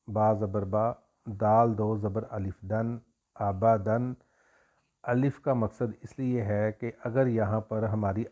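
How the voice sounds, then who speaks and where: A man with a Pakistani Urdu accent, teaching Quran reading by spelling out letters and syllables slowly for learners. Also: fairly low pitch, dark tone. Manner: slow, drawn-out syllable recitation. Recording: dull lo-fi audio.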